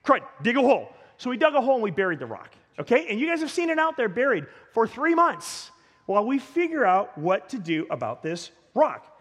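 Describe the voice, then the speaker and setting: Pastor, male, high voice, animated storyteller who trips over his words, long church-hall reverb. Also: a little fast. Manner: animated, stumbling restarts and repeated words. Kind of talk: storytelling sermon.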